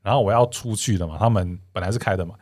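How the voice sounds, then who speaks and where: A man's voice: on the low side, very fast, darkish tone, dry recording, studio quality. A young man hosting a casual podcast chat, telling stories animatedly, acting out quoted lines with many restarts. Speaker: podcast host.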